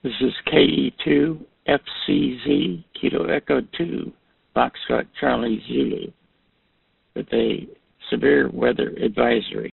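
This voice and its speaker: A man checking in to a ham radio net, heard as a radio transmission with static, with a gravelly, raspy voice. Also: mid-range voice, steady tone, measured pace, dry recording. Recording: tinny dry radio line.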